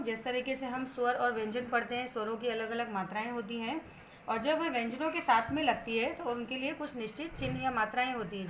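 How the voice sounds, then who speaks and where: Woman teaching kids hindi grammar online, bit high voice, slow patient spelling out of sounds, faint hiss behind. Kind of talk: online grammar lesson for children.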